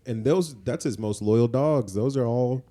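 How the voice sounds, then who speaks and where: A man co-hosts a podcast in casual, informal, slangy conversation, often repeating phrases for emphasis. His voice has a medium pitch, an unhurried pace and a dark tone.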